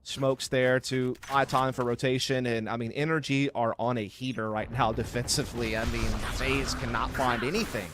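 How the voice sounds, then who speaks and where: Man casting esports, analytical, steady mid voice, faint hiss. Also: mid-range voice, moderate pace, few pauses. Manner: analytical, conversational. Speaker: esports caster. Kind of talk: color commentary.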